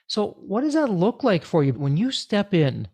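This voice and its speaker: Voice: medium pitch, sing-song, normal speed, a little mellow, slightly rough. Affirming podcast host. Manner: affirming, frequent "mm-hmm" backchannels. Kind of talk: interview conversation.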